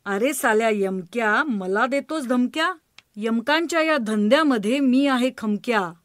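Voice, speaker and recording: A woman's voice: fairly high pitch, lively intonation, measured pace, no room sound, studio quality. Woman doing a mischievous old grandpa. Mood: mock-angry. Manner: jokey, rhyming banter.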